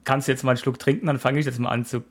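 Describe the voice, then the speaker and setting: A man's voice: medium pitch, fairly even intonation, very fast. Easygoing man in his forties, rambling. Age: 40s. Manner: easygoing, rambling with frequent hesitations and laughs. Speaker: podcast co-host. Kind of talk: casual chat.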